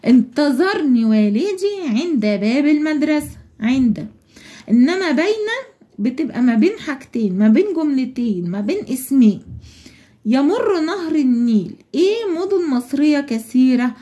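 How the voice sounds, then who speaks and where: High-voiced Egyptian woman teaching young children. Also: very animated, normal speed, mellow. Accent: Egyptian Arabic. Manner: patient, step-by-step, asks and answers her own questions. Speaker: primary school teacher. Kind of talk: explaining a schoolbook lesson to young children.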